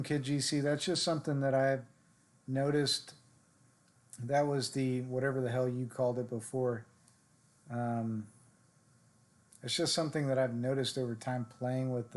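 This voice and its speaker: A male streamer talks through his shots, in a relaxed voice full of fillers and restarts. He answers viewers in chat directly, like he is chatting with friends. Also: medium pitch. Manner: relaxed, self-coaching talk with fillers. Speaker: game streamer. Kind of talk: casual live-stream gameplay commentary.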